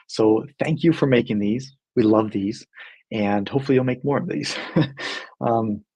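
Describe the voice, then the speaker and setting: Earnest man with a husky voice. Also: mid-range voice, darkish tone. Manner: friendly, earnest, lots of fillers and restarts. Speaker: company team member hosting a video segment. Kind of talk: casual talk to camera.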